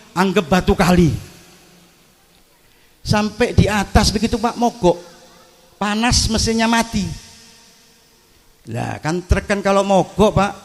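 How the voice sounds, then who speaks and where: A high-voiced preacher with an East Javanese accent tells funny stories from the pulpit. He talks straight to the crowd at an outdoor evening gathering, into a PA microphone. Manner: storytelling, addresses the crowd. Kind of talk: humorous sermon.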